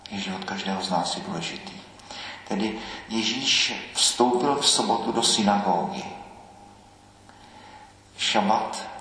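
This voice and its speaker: A man giving a measured, reflective sermon as a priest, often pausing with hesitations. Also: fairly low pitch, fairly bright tone. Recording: echoey church hall, faint ambience.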